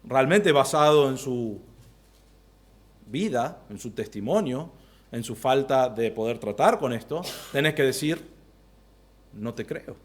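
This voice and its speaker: A man preaching an expository sermon from the pulpit in an Argentine Spanish accent, swinging from loud bursts to quiet low asides. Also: lively intonation, unhurried. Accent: Rioplatense Spanish. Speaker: pastor.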